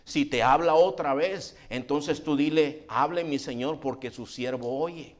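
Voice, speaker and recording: Soft-spoken, weak-willed old priest , as a preacher puts him on: lowered voice, mild and gentle. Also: male voice, unhurried, close to an everyday voice.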